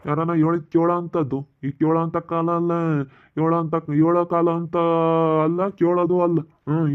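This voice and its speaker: Guy doing a scolding village elder, talks quick, tinny phone-like audio. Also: on the high side, close to an everyday voice. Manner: admonishing, repeats rhetorical questions. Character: older village man scolding the women, stern elder. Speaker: village skit actor. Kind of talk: amateur village skit acting.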